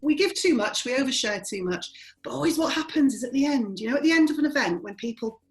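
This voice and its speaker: A woman's voice: sits high, animated, fast, faint music behind, rough recording. A woman in her forties, a property trainer and interview guest, speaking bluntly and openly, laughing often as she talks. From born in Germany, raised in army families. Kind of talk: candid interview conversation.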